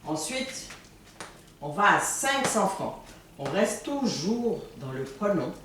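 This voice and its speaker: A person from Ivory Coast teaching a language in a casual video lesson, slowly repeating words to show how they are said. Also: mid-range voice, very animated, fairly bright tone, distant mic, a little hiss or hum. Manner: slow, repeats words for pronunciation. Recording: echoey room, voice from off-mic.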